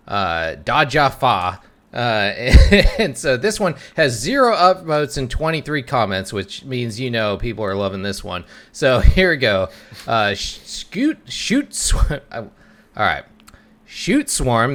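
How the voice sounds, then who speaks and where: A man's voice: mid-range voice, lively intonation, measured pace, fairly bright tone. A man co-hosting a casual podcast, joking and giggling as he talks. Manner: giggly, jokey. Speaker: podcast co-host.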